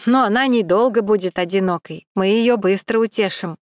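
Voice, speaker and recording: A woman's voice: mid-range voice, moderate pace, no room sound, clean studio sound, lightly acted. A woman voicing a second tipsy young male thug who eggs his friend on in a leering voice.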